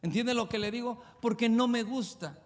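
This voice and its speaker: A male pastor, preaching a sermon with emphatic, rapid-fire rhetorical questions. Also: very high voice, big-room sound.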